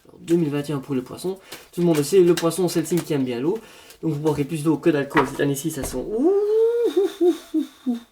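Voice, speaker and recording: A man's voice: a little high, steady tone, fast talker, dark tone, a little hiss or hum. A man doing a parody horoscope reading, rambling in a mock-solemn fortune-teller manner. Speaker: comedian.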